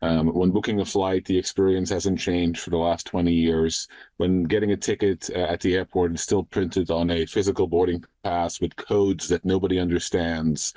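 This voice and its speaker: A man in his thirties from the Netherlands with a very low voice, talking as a founder in a podcast interview. He speaks in a measured way and pads his sentences with "uh" and "um". The sound is dry and close to the mic. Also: little pitch movement, warm tone, dry recording. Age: 30s. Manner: measured, frequent "uh" and "um" fillers. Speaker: startup founder guest.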